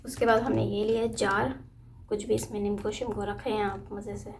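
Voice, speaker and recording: A woman's voice: mid-range voice, flat delivery, moderate pace, noisy background. A woman in her thirties at home, chatting casually and unhurriedly as she shows what she bought. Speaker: family vlogger and mother. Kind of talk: casual on-camera chat showing purchases. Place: home indoors. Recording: distant mic with music over it. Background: loud background music.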